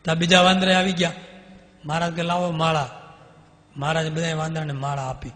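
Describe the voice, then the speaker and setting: A man gives a devotional storytelling sermon. He acts out the dialogue with animation, in a fairly high voice. A long hall reverb trails behind him. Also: steady tone, fast, a bit bright. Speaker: swami.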